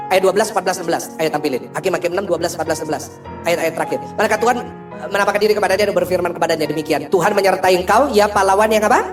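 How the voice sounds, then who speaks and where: A man preaching a sermon as senior pastor, animated and joking as he talks straight to the congregation. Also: sits high.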